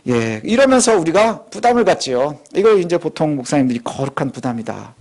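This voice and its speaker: A male pastor delivers a sermon with a high, very animated voice that swings widely in pitch. He talks conversationally and emphatically, throws in rhetorical questions and often fills in with "예". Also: a little fast.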